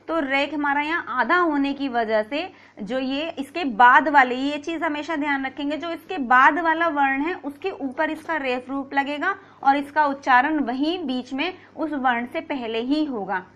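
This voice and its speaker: High-voiced woman teaching grammar patiently. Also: a little slow, fairly bright tone, lo-fi sound. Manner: patient, repeats key points, asks and answers own questions. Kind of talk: explanatory grammar lesson.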